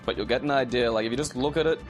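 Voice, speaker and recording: A man's voice: medium pitch, rapid-fire, faint music behind. A man playing through a game and commentating casually, laughing often and rambling through his explanations. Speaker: player.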